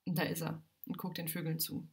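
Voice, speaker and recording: A woman telling a children's story aloud, animated and dramatic, on a home livestream. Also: low-pitched, fairly quick, creaky, background noise.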